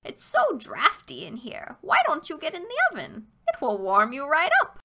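A woman's voice: sits high, huge pitch swings, normal speed, sharp tone, voice pushed up, heavily acted. A woman voicing a scheming old witch who sweet-talks children in a storybook reading. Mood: coaxing. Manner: syrupy coaxing, turns insistent. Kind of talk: storybook narration.

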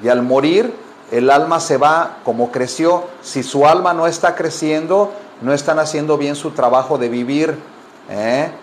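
A man whose first language is Spanish, giving a casual online English lesson and repeating phrases slowly for learners. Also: a little high, a little hiss or hum. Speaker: English teacher.

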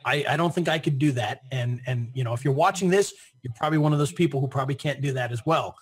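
A man's voice: medium pitch, fast talker, slightly rough. A man speaking as an interview guest in a casual conversation, often repeating his first words and laughing.

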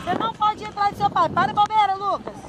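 Mom, very high voice, pleading and calling out to her kid, noisy outdoor phone audio. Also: rapid-fire. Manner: coaxing and pleading, often calling out loudly. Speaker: mother filming her son. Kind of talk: home video, talking to her child and viewers. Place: outdoors in the rain. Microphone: handheld phone.

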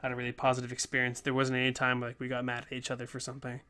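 A man's voice: mid-range voice, completely flat delivery, very fast, pushed and bright, clean tone. A young man casually talking over his class game project, rambling with lots of fillers and restarts. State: a bit out of breath. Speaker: game design student. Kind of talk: casual development-log talk.

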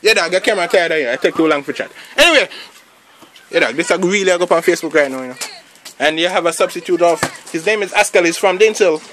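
Man, very high voice, casual football commentary, excitable, rambling asides. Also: quick pace, slight background noise. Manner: excitable, bursts into shouts at big plays. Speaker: amateur commentator.

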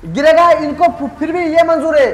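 A man giving live gameplay commentary as a gaming YouTuber, excitable and trash-talking rivals with swearing. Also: very high-pitched, normal speed, roomy sound, slight background noise, rough recording.

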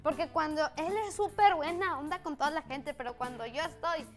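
A woman's voice: high-pitched, brisk, faint music behind, close to an everyday voice. A woman voicing a hesitant young schoolboy on a children's TV show. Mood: sulky. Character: sulky young schoolboy named Alex. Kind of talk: children's TV character acting.

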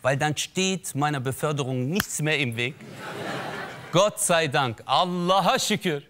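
A man's voice: fairly high pitch, a little slow, background noise. A man in his thirties delivering an ironic stand-up monologue in a satire show, talking straight to the audience. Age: 30s. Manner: animated, ironic, addresses the audience as "Leute". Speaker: comedian.

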